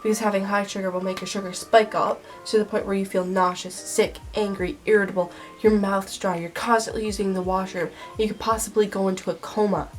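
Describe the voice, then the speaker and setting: A woman's voice: mid-range voice, fairly even intonation, a little fast, few pauses, soft background music. Congested young woman vlogging with a head cold. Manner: sarcastic, dramatic emphasis. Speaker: video host. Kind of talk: casual scripted list vlog with acted skits.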